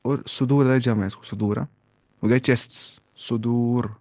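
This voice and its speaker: A man teaching a beginners' Arabic class, asking his students questions and repeating each word slowly. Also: mid-range voice, fairly even intonation, mellow, no room sound. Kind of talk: classroom lesson.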